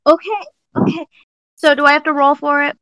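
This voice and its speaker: A woman's voice: high voice, flat delivery, a little fast, bright, forceful tone, dry recording, highs cut off. A woman playing a tabletop game, chatting and describing her character's moves. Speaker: player. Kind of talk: casual tabletop play.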